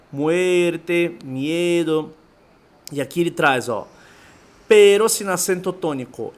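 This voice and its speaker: A man's voice: on the high side, fairly bright tone. A man with a Brazilian Portuguese accent, a native Portuguese speaker, teaching a Spanish lesson, reading from a textbook and explaining it while switching between the two languages. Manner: mixes languages, reads aloud then explains.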